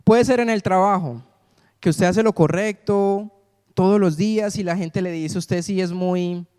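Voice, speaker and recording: Preaching at a measured pace, this pastor has a high-sitting, mellow voice with a clean tone. Again and again he invites the congregation to fill in the missing word, and the sanctuary's long hall reverb surrounds his sermon.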